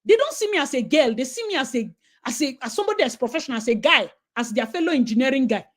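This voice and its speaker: This fast-talking woman has a high-sitting voice and a Nigerian accent. As host of a casual chat, she spins stories animatedly and slides into pidgin now and then.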